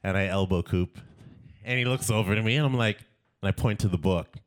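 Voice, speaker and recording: A man, a guest artist, telling animated anecdotes in casual conversation, often laughing as he goes. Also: on the low side, a little fast. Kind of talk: casual storytelling.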